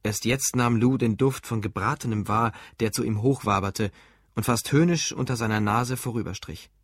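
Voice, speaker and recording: A man narrating an audiobook in a steady, measured storytelling manner. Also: on the low side, dry recording, clean studio sound. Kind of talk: scripted narration.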